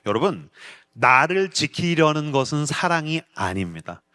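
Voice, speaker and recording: A middle-aged male pastor preaching on a large stage, acting out quoted voices loudly and then dropping low and earnest. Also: big pitch swings, unhurried, no echo, clean studio sound. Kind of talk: sermon. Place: large stage at a youth worship event.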